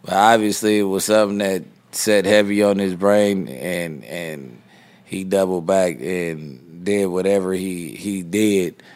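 A man's voice: deep voice, fairly even intonation, a little slow, darkish tone. A man guest in a casual interview, telling a story in heavy slang and acting out the quoted dialogue. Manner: slangy, repeats "you know what I mean". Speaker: guest rapper.

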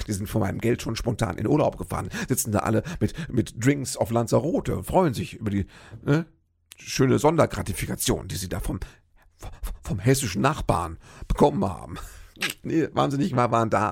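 Gravelly, fast-talking self-mocking comedian man. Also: medium pitch, a little mellow. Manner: rambling, self-mocking, chatty with asides. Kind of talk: casual comic storytelling monologue.

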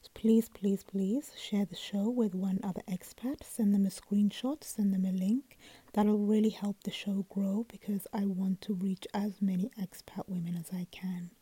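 A sleepy woman hosting her own podcast, chatting casually in a soft whisper with lots of ums and restarts, close to the mic. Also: medium pitch, fairly even intonation, moderate pace, breathy edge, no echo. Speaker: podcast host. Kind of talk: casual solo podcast chat.

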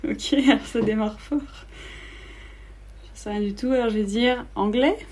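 A woman's voice: on the high side, moderate pace, a little mellow, slightly rough. A woman taking part as a guest, giggly and unsure as she guesses.

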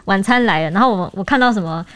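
A woman's voice: mid-range voice, quick pace, smooth. A woman with a Taiwanese Mandarin accent co-hosting a podcast, playful and teasing in casual chat. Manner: playful, teasing, laughs often. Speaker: podcast co-host, reporter.

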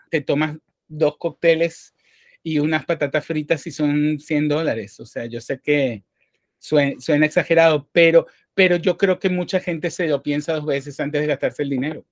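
A man's voice: on the high side, no room sound. Dry-sounding man with a thoughtful manner. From Venezuela. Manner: thoughtful, many restarts and repeated words. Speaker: guest. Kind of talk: casual interview talk.

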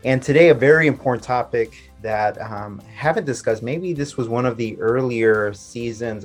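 A man hosting a faith podcast, talking casually with plenty of "um" and "like" as he interviews a guest. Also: medium pitch. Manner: friendly and casual, frequent "um" and "like". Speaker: podcast host.

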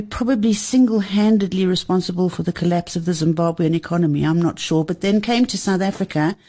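A woman's voice: on the low side, dark tone. Bubbly woman hosting a chat show. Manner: bubbly, laughs often. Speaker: podcast host. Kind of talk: playful interview chat.

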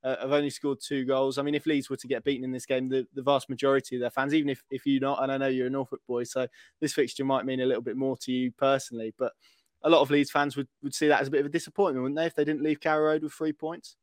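A man's voice: mid-range voice, level tone, fast, dry recording, clean studio sound. A man hosting a conversational football interview, asking long, hedged questions in a hesitant way. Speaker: interviewer, host.

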